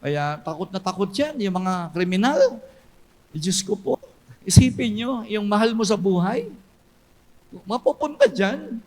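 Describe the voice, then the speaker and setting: A man preaching a sermon as pastor, swinging between loud cries and low hushed storytelling. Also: big pitch swings, unhurried, pauses often.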